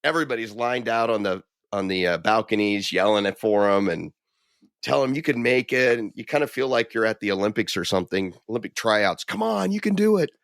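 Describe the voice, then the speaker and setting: A man's voice: fairly low pitch, fairly quick, no echo, clean studio sound. A middle-aged man and podcast co-host, chatting casually and telling stories, acting out the quoted voices. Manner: animated storyteller, acts out quoted voices. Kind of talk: casual chat.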